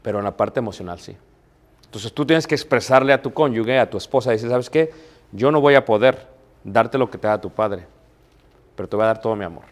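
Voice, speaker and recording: A man's voice: on the low side, a little fast. A middle-aged man with a Mexican accent preaching a sermon on marriage. He stresses his points, repeats key phrases and asks rhetorical questions. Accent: Mexican Spanish.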